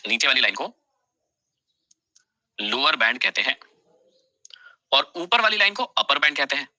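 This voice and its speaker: A man's voice: mid-range voice, big pitch swings, moderate pace, pushed and bright, dry recording. A man teaching a live online class, repeating key phrases for students to write down and talking to them directly, scolding and then reassuring.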